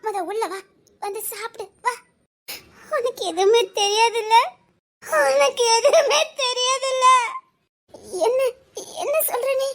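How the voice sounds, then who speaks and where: A woman's voice: very high voice, fairly even intonation, unhurried. An actress playing a grieving young woman talking with her friend, with an emotional, tearful delivery. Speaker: actress in a family drama. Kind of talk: melodramatic dialogue scene.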